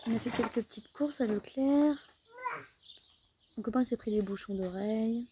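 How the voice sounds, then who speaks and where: Young woman, casual vlog chat, rambling with fillers, slightly high voice, noisy phone recording. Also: moderate pace, mellow. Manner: chatty, rambling, many fillers and self-corrections. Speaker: mother vlogging her family day.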